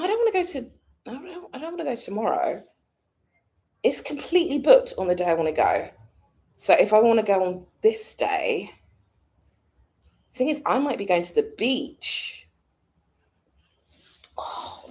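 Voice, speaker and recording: A British woman vlogs casually, thinking out loud and drifting from one thing to the next. Her voice sits low, but it rises and falls in a lively way. She laughs easily as she talks. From Britain. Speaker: vlogger. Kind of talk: casual vlog chat.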